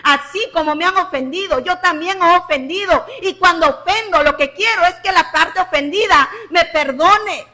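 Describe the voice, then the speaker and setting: Woman pastor, Mexican Spanish accent, bright forceful tone, repeats lines for emphasis. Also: extremely high pitch, normal speed, hardly any pauses. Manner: impassioned preaching, swinging between loud emphasis and hushed drops. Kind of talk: sermon.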